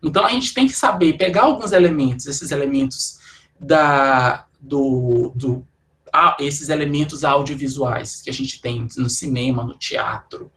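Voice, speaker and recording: A man's voice: mid-range voice, measured pace, fairly bright tone. Conversational Brazilian male lecturer. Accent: Brazilian Portuguese. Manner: conversational, frequent "né" tags and restarts. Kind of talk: academic talk to students.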